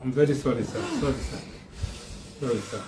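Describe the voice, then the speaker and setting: A man plays a frightened driver who keeps saying sorry again and again, speaking quickly in a middle-pitched voice. The sound is echoey, with a crowd audible behind him. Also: lightly acted. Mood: fearful. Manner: apologizing over and over. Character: frightened male driver caught out.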